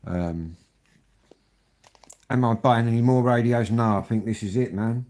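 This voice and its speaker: A man's voice: mid-range voice, measured pace, a little mellow. A man from England casually reviewing a handheld radio, chatty and jokey.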